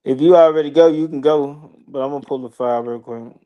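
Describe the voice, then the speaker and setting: A man's voice: mid-range voice, fast, highs cut off. A man co-hosting a live fantasy football stream, laid-back and joking, swearing freely and talking through his picks. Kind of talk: casual live-stream banter.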